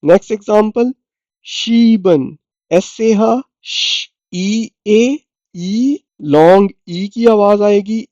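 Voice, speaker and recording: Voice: mid-range voice, mellow, no echo, dull audio. A language teacher giving a beginner lesson, spelling out each word letter by letter and repeating it.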